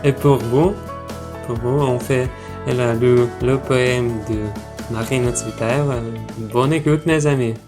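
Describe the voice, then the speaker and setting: A man from Russia with a Russian accent, a native Russian speaker, narrating a travel vlog in halting, careful phrases. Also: medium pitch, steady tone. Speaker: travel vlogger. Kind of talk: scripted vlog narration in French. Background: music.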